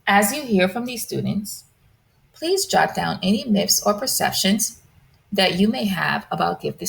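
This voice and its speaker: A woman presenting a lecture, reading a prepared script in a measured, deliberate way. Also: on the low side, vocal fry.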